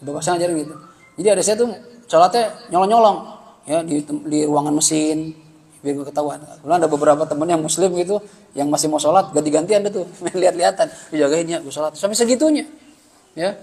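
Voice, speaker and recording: A man teaching an Islamic study class, lively and joking, with slangy asides and acted-out bits of dialogue. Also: a little high, fast talker, in a large hall. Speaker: religious teacher.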